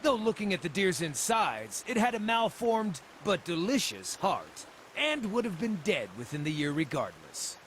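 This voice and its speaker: A man's voice: sits high, huge pitch swings, normal speed, few pauses, a bit bright, slight background noise, heavily acted. An actor voicing a cheerful, wry wandering male druid in a fantasy video game. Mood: wry friendly.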